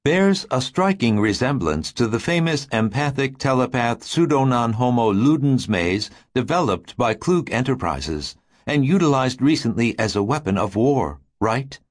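A man voicing the calm telepathic voice of a toy maze, smooth and salesmanlike. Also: mid-range voice, moderate pace, few pauses, voice pushed up. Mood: placid.

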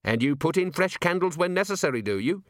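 A man voicing a shrewd male watch commander in an audiobook, dry and gently probing. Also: high-pitched, expressive, fast talker, dry recording, voice pushed up. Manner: dry, gently coaxing questions.

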